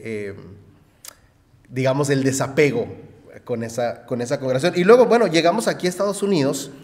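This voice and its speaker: A man, preaching a sermon in a conversational way, often adding "¿verdad?" and pausing on fillers. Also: medium pitch, a little mellow, long reverb tail. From Mexico. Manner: conversational, frequent "¿verdad?" tags and hesitations. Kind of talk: sermon with personal story.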